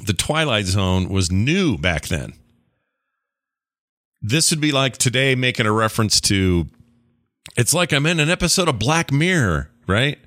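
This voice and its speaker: A man's voice: medium pitch, sing-song, unhurried, pauses often, a bit bright, dry recording, studio quality. A man hosting a casual reaction to an old TV show, rambling with joking asides. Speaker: reaction host.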